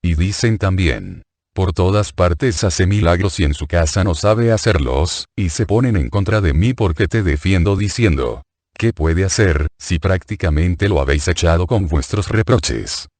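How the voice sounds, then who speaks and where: A grieving older woman pours out anguished, pleading questions, as a male reader takes her part. The voice sits very deep and low. The sound is close and dry, with no room around it. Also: lively intonation, measured pace, a little mellow, no echo, exaggerated voice.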